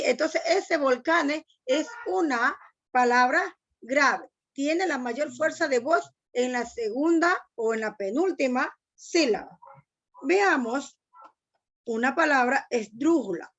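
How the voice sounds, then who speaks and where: Woman, teacher, high voice, patient explaining, online lesson, muffled lo-fi sound. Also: lively intonation, slow, fairly bright tone. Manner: patient, explains step by step, asks students to read aloud.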